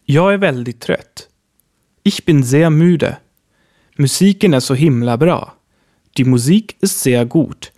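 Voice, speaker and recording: A man hosting a scripted language-lesson podcast, slowly and carefully spelling out example words. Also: a little high, darkish tone. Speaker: language teacher host.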